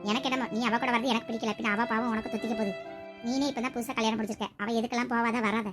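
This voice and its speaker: A woman's voice: a little high, steady tone, rapid-fire, over music, voice pushed down, natural voice. A woman playing a harsh, bossy middle-aged mother-in-law with a Tirunelveli Tamil accent. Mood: scolding. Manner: scolding, bossy.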